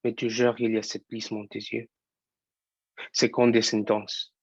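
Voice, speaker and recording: A man's voice: fairly low pitch, flat delivery, normal speed, no echo, dull audio. A young man, a student actor, performing an impassioned theatre monologue as an angry young actor who fights prejudice. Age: young adult.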